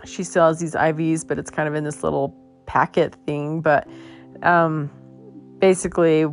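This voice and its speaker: A woman host telling a personal story in a casual, halting way, her voice worn as if she is losing it. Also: deep voice, little pitch movement, soft background music. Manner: halting, many fillers and restarts. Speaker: podcast host.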